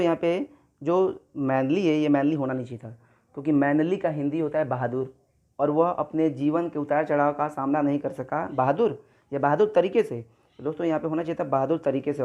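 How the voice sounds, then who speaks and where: A man's voice: fairly high pitch, brisk, dark tone, lo-fi sound. A male teacher giving an exam-prep grammar lesson, explaining each question step by step and often addressing his viewers as friends.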